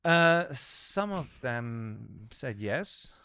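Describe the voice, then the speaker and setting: A man's voice: mid-range voice, sing-song, drawn-out words, creaky, sharp tone, clean tone, dry recording, studio quality. A man co-hosting a casual podcast chat who works as an acting coach, talking hesitantly and often restarting or correcting himself.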